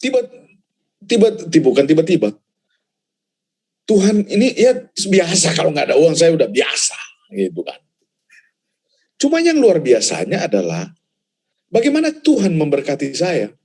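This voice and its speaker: A male pastor tells a personal story in an easygoing, conversational way, his voice sitting a little high. His pitch swings widely as he talks, rising and dropping with each turn. He often doubles or triples words to press a point home. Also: moderate pace, creaky, long pauses, breathy edge. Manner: animated storytelling, mixes laughter into the telling; repeats words for emphasis. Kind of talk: casual testimony in a church talk.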